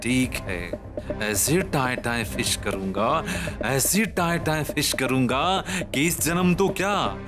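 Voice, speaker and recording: Casting: scheming middle-aged uncle, stammering and theatrical, lively swooping delivery, music bed. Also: male voice, medium pitch, slow pace. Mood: menacing. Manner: stammering, theatrical self-pity. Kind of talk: TV comedy drama acting. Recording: background music under dialogue.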